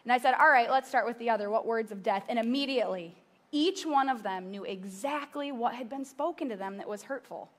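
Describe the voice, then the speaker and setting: A woman in her thirties preaches from a large church stage, her voice sitting a little high. She tells personal stories in a loose, conversational way, tossing asides to the congregation as she goes. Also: brisk. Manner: conversational storytelling with asides to the audience. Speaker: pastor. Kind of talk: sermon.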